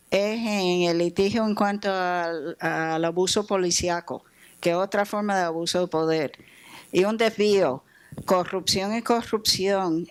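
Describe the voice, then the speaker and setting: A woman speaks on a panel in a fairly low, smooth voice. She explains without a script, pausing and hesitating between short phrases. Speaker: panel speaker with legal experience.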